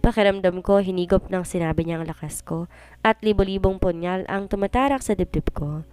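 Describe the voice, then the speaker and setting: A woman tells a first-person love story in an earnest, emotional voice. Her tone is smooth and clear at a middle pitch, recorded close and dry. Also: fairly quick, a little mellow, no echo. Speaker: story narrator.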